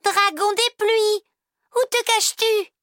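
A woman voicing a brave young village girl from a storybook, calling out in a high, drawn-out voice. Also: fairly even intonation, fairly bright tone, no room sound, studio quality, full character voice. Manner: high, slow, drawn-out calls.

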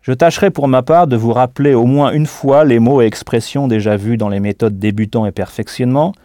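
Slow, deliberate male language teacher. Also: medium pitch, dark tone, no room sound, studio quality. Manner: slow, deliberate, spells words letter by letter. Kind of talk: scripted audio language lesson.

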